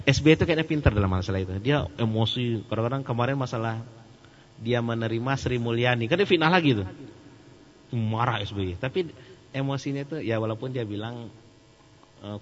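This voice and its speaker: A man giving a casual question-and-answer sermon, joking and animated. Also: medium pitch, big-room sound. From Sumatra. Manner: joking and animated, laughs at his own jokes. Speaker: Islamic preacher. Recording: muffled lo-fi recording with faint hum.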